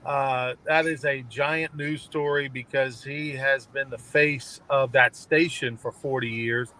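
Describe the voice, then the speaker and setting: Bright-voiced man chatting about sports. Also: mid-range voice, fairly even intonation, unhurried, low-quality recording. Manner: conversational, rambling with frequent restarts. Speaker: sports talk show co-host. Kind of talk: casual sports chat.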